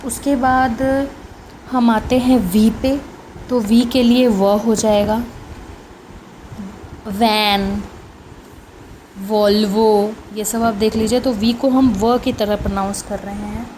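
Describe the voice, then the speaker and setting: Woman phonics teacher, slow and mellow, repeats sounds for learners, faint room noise behind. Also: fairly high pitch, steady tone, low-quality recording. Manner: slow, repeats each sound several times. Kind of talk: casual spoken lesson.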